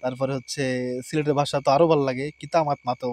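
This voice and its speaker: A man's voice: mid-range voice, level tone, fast, darkish tone. A man with a Barishal-area accent, chatting casually to camera while cooking at home, who often adds short affirmations. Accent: Barishal-area Bangla. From Barishal area, Bangladesh. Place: rural home at night, outdoors.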